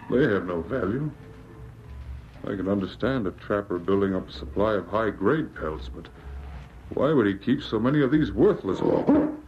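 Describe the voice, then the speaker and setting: Man acting a steady Mountie hero, noisy old radio. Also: lowish voice, lightly acted. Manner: earnest, kindly coaxing, plainly resolute. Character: brave, steady male Mountie sergeant hero. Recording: noisy, muffled vintage radio recording.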